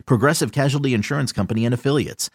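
Male announcer, mid-pitched, husky, scripted ad read, very dry studio sound. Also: rapid-fire, no room sound. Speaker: advertisement announcer.

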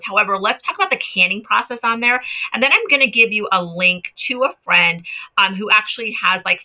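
A woman with a very bright, forceful voice chats enthusiastically to her viewers about home canning. She rambles and corrects herself as she goes. The sound is slightly dull and lo-fi. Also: medium pitch. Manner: chatty, enthusiastic, self-correcting. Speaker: home cooking and canning vlogger. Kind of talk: casual talk to camera.

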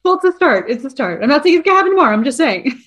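A woman hosts a casual interview in a slightly high voice. She asks her questions quickly and stays friendly and upbeat. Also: sing-song, fairly bright tone. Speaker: interview host.

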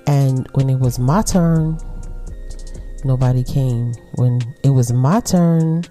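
A middle-aged woman with a Brooklyn accent hosting a casual solo podcast, talking to women listeners in a laid-back, unhurried, conversational way. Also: very deep voice, mellow, soft background music. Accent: Brooklyn, New York. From Brooklyn, New York. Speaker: podcast host.

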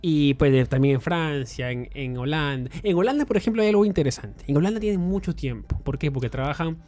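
Animated man recounting his travels. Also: a little high, brisk. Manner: animated storytelling, many fillers and restarts. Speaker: guest. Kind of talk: casual podcast chat.

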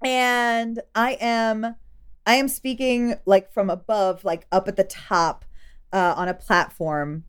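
A woman's voice: mid-range voice, fairly even intonation, takes it slowly, smooth. A woman running a tabletop game as game master, improvising the narration.

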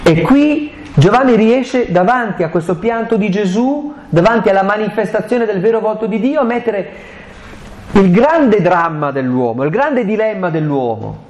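A man's voice: high voice, expressive, normal speed, a little mellow. A man giving a live catechesis talk on a Bible passage, impassioned and colloquial, firing off rhetorical questions. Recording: echoey live room recording, faint background hiss.

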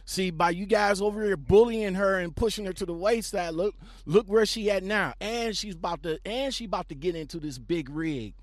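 A man hosting a casual podcast interview, hyping up his guest with excited, repetitive phrasing. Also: high voice, normal speed, hardly any pauses, dry recording. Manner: animated, repetitive hype-man delivery. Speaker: podcast host.

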